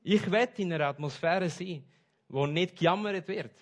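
A man's voice: sits high, moderate pace. Emphatic preacher, man. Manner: emphatic, swings between soft asides and loud stressed points. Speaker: pastor. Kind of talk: sermon.

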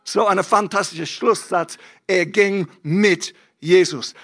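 A man preaching a lively, emphatic sermon from a church stage, using casual slang. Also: sits high, takes it slowly. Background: faint keyboard music.

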